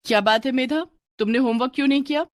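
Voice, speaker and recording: A woman's voice: high-pitched, fast, no room sound, clean studio sound, pitched above the performer's own voice, lightly acted. A woman voicing a strict female schoolteacher who scolds her class sharply. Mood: stern.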